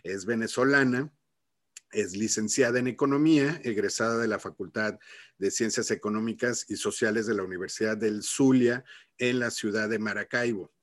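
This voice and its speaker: A male podcast host speaks in a fairly low voice with a very dry sound. He introduces and chats in a conversational way, halting and repeating words as he builds each phrase. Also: no room sound. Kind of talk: conversational interview hosting.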